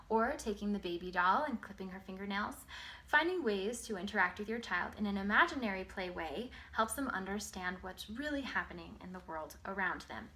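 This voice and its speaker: A woman giving an instructional talk to parents as an early literacy educator, explaining in simple, clear phrases. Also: mid-range voice, fairly bright tone, a little hiss or hum.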